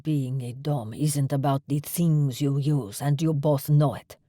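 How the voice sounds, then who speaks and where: A woman's voice: extremely low pitch, steady tone, measured pace, warm tone, dry recording, studio quality. A woman playing a heated male vampire lover. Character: possessive male vampire lover, defiant and protective.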